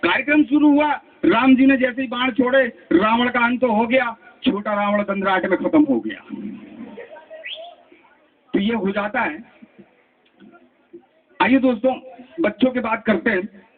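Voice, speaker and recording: A man doing live stand-up comedy, telling jokes and switching into voices for his characters. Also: very high voice. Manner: joke-telling with quick voice switches between characters. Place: outdoor stage at a town festival. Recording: lo-fi phone-like stage recording.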